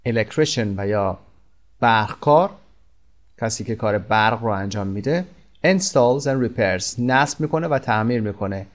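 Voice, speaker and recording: A man teaching an English vocabulary lesson. He says each English word slowly, repeats it, and then explains it. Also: on the low side. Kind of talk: recorded language lesson.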